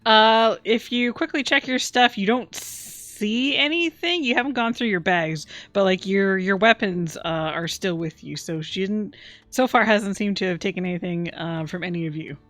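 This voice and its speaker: A woman's voice: medium pitch, normal speed, a bit bright, no echo. Giggly woman running a tabletop game. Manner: giggly, hesitant narration full of fillers. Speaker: game master. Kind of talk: narrating a tabletop game on a charity stream.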